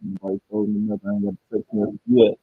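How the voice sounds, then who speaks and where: Lowish, level and husky, this man talks at a quick pace as a casual livestream host, chatting loosely and directly to viewers. The recording is dry, and the audio comes across dull and muffled, like it's passing through a wall.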